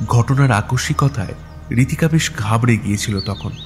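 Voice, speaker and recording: A man reads an audio story in a steady, measured narration. His voice sits at an ordinary, mid-range pitch. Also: over music.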